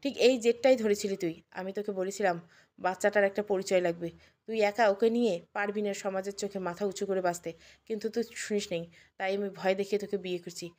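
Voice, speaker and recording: A woman's voice: medium pitch, fairly even intonation, fast, darkish tone, close to an everyday voice. A woman voicing a troubled young husband who pleads and insists stubbornly in a Bengali audio story. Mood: reproachful. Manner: intense, pleading.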